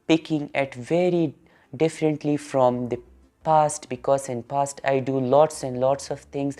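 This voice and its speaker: Deep-voiced Pakistani woman vlogger. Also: warm tone. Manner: earnest, simple phrasing with repeated intensifiers. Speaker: doll artist answering viewer questions. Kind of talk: casual Q&A vlog.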